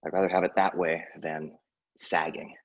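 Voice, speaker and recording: A man's voice: low voice, flat delivery, normal speed, slightly rough, dull audio. A man coaching a workout like an aerobics instructor, casually giving short encouraging cues and countdowns while exerting himself. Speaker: fitness instructor.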